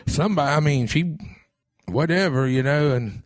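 A man's voice: a little high, normal speed, no room sound, studio quality. A man hosting a podcast, telling a rambling story in casual chat, cursing freely and restarting his sentences. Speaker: podcast host.

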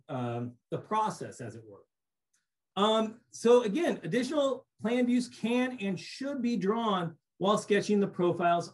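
A middle-aged man giving a relaxed recorded slideshow lecture on cave surveying over a webcam, explaining casually with frequent restarts. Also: high-pitched. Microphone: webcam on a video call.

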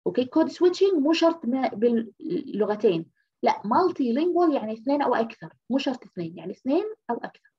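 A woman's voice: on the high side, sing-song, very fast, breathy edge. A woman from Egypt giving a university lecture, explaining patiently, repeating key terms and checking in with "okay?". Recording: muffled lo-fi lecture recording.

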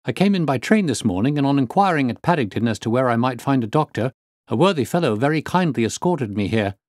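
A man's voice: medium pitch, expressive, fast talker, a little mellow, no echo, clean studio sound, pitched above the performer's own voice, lightly acted. A man voicing an agitated, earnest engineer in his twenties for an audiobook story. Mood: polite, agitated. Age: 20s. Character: agitated young engineer, injured, hearty and earnest. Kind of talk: audiobook character voice.

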